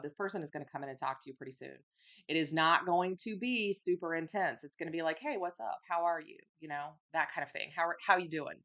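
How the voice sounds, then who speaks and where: A woman's voice: low-pitched, fairly bright tone. A woman giving a casual tarot love reading to her viewers, chatty and reassuring, often checking in with "okay?" and "right?". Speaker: tarot reader.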